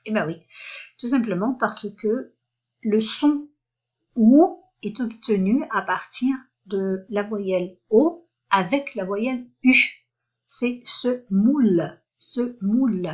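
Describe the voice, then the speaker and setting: A woman leads a slow, patient lesson, spelling out letters and sounding out each syllable. Her voice is a little husky and unhurried. The recording is dull and lo-fi. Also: fairly high pitch, darkish tone. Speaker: French teacher.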